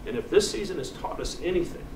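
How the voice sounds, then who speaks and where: American coach's pep speech, echoey and distant. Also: male voice, sits high, expressive. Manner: earnest, deliberate, with pauses for emphasis. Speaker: college sports team coach. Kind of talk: postgame locker room pep speech to players. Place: locker room, heard from a distance. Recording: echoey distant room recording with loud noise.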